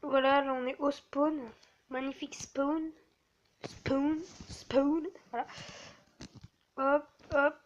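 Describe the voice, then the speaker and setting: A woman's voice: high-pitched, level tone, slow pace, long pauses. A woman casually walking viewers through a game server, hesitant and full of fillers. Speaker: gamer showing a server. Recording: dull lo-fi mic with faint hiss.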